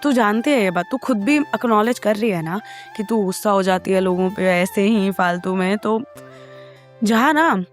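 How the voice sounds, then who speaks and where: A woman's voice: mid-range voice, normal speed, soft background music, voice pushed down, close to an everyday voice. Coaxing chatty best friend, voiced by a woman. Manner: coaxing, chatty, jokey reassurance. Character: calm, teasing young woman best friend.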